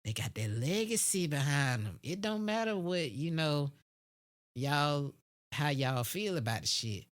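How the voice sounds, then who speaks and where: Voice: medium pitch, expressive, a little slow. An American speaker in a casual, unscripted opinion monologue, blunt and heavily profane, using street slang and repeating phrases for emphasis. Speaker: podcast host.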